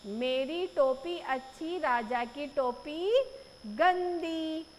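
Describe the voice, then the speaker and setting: A woman's voice: high voice, extremely slow. A woman voicing a cocky, boastful little male mouse who makes bossy threats in a sing-song chant. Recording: echoey room, faint noise.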